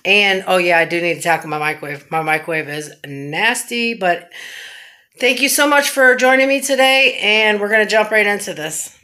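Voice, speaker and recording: A woman's voice: mid-range voice, normal speed, pushed and bright. Chatty woman vlogging in her kitchen. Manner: chatty, rambling with fillers. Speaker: cleaning vlogger. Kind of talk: casual clean-with-me vlog. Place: small home kitchen, indoors. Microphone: phone camera nearby.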